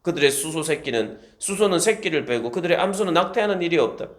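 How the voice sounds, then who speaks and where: A man's voice: on the high side, expressive, fast. A man, a pastor, giving a devotional Bible reflection, explaining scripture and paraphrasing quotes.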